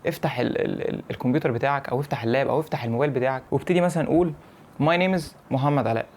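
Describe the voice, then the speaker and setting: A man's voice: mid-range voice, a little hiss or hum. A young man with an Egyptian Arabic accent giving casual advice to camera, repeating his points and checking that the viewer follows. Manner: rapid, animated, repeats points and checks in with "فاهم؟". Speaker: English-learning YouTuber.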